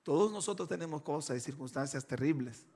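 A man preaching a sermon with emphatic, repeated phrases, swinging between loud bursts and hushed, slow lines. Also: on the high side, expressive, slightly rough.

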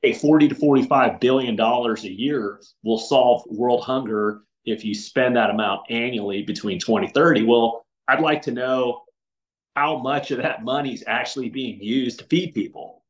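A man's voice: mid-range voice, moderate pace, muffled recording. A man as a podcast guest, talking earnestly in casual conversation with frequent restarts and filler words.

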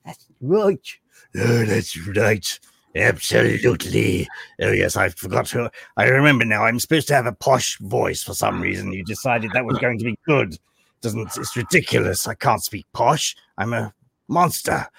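A man's voice: lowish voice, animated, moderate pace, a bit bright, dry recording, studio quality, heavily acted. A man voicing a grumpy male monster hand puppet that grumbles and mocks him. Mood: grumbling. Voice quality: gravelly. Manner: gruff and grumbling, mocking his puppeteer.

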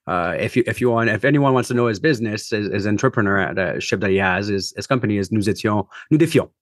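A man's voice: fairly low pitch, quick pace, dry recording. A man hosting a podcast interview in a chatty, upbeat way, often restarting his sentences. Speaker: podcast host.

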